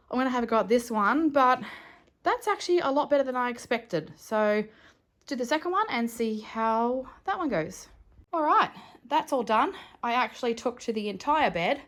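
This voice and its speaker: An Australian homestead vlogger, her mid-range voice croaky from allergies, chats casually while doing a DIY cleaning job indoors at home. She thinks aloud and corrects herself as she goes.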